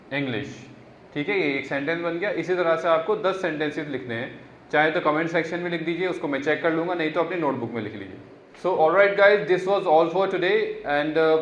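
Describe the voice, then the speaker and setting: A man teaches a beginner's English class, saying each example sentence slowly and carefully. His voice sits a little high. It is recorded in an echoey room with a slightly dull sound. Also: slight background noise. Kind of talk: online spoken-English lesson.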